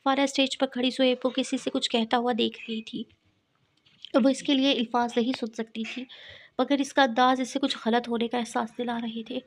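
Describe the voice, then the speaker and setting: A woman narrating a romantic novel as an audiobook in a steady, even manner. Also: a little high.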